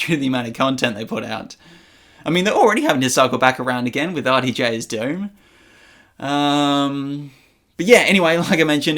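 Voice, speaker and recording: A man's voice: fairly high pitch, fairly bright tone. A young man in a comic vlog, goofy and self-mocking, recorded on a phone in his bedroom. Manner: goofy, self-mocking, tries silly voices. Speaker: comedy video creator. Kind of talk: comic vlog and audition practice. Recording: music bed underneath.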